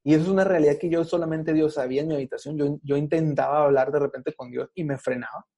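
A man's voice: on the high side, steady tone, fast talker, dark tone, slightly rough. A young Mexican man with a Mexican Spanish accent, a podcast guest telling his story casually with slang and acted-out quotes. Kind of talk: casual testimony.

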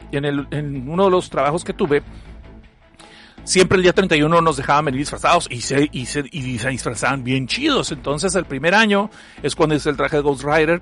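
A northern Mexican man hosts a livestream in a casual, joking way, reading chat messages aloud with plenty of slang. His voice sits fairly high for a man. A lingering cough stays with him throughout. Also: fast talker, fairly bright tone, faint music behind. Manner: joking, slangy, laughs often. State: has a cough. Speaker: livestream host.

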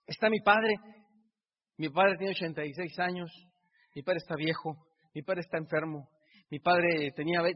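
A middle-aged man with a Mexican Spanish accent giving an emotional motivational speech, piling up repeated rhetorical phrases. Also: sits high. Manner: repetitive rhetorical build-ups. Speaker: motivational speaker. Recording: dull recording in a reverberant hall.

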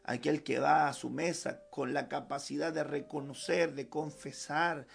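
Gravelly-voiced fervent male pastor preaching. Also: fairly high pitch, steady tone, unhurried, soft background music. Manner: fervent preaching with emphatic repetition. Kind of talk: sermon. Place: church service.

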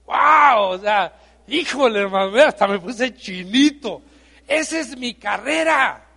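A Mexican pastor preaches with a strikingly high voice that rings through a large church hall. He is emotional and swings from hushed, near-whispered asides to shouted exclamations. The reverb trails long after each phrase. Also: lively intonation, unhurried, creaky. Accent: Mexican Spanish. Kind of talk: sermon.

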